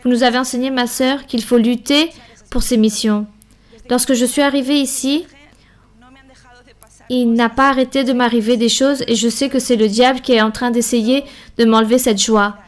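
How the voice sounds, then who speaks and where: A woman giving a French voice-over of a Bible study and a church member's testimony, speaking in measured, earnest short phrases. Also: on the high side, steady tone.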